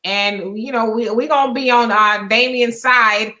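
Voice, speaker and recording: Bright-voiced woman co-hosting a talk show. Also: fairly high pitch, fairly even intonation, unhurried. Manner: chatty, meandering, many fillers. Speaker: co-host. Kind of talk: casual political talk show chat.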